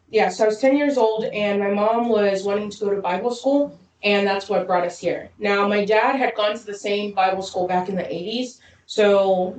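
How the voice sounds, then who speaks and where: A woman from Zambia chatting as a podcast co-host, talking fast and telling her stories with a laugh. Her voice sits at a middle pitch. The mic is set back from her, and the room gives it a clear echo. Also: a little hiss or hum. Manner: fast, lively storytelling with frequent laughs. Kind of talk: casual chat. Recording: roomy echo, distant mic.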